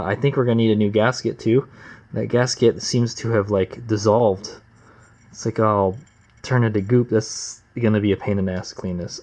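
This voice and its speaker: Working at his bench near the camera, this vlog host and home motorcycle mechanic talks in a plain, casual way, tossing in rough, slangy remarks like a gruff tinkerer. His pitch is fairly low with a darkish tone, captured by slightly dull, lo-fi camera sound.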